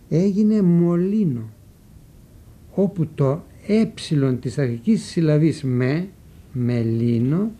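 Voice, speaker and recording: An older man teaching in a slow, deliberate way, repeating words and spelling them out as he lectures on grammar. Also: on the high side, dark tone.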